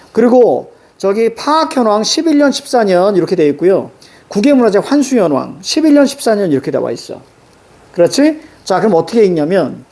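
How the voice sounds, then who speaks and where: A male teacher giving a classroom lecture on exam questions, brisk and instructive, checking in often with quick rhetorical questions. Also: sits high, a little mellow. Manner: brisk, instructive, keeps students marking text.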